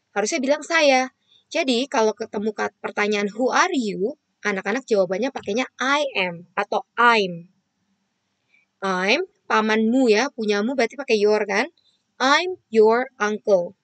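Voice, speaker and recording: A woman's voice: a little high, no room sound. Patient woman teaching kids. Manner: patient, explains step by step to kids, asks and answers her own questions. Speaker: primary school English teacher. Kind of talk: online children's lesson.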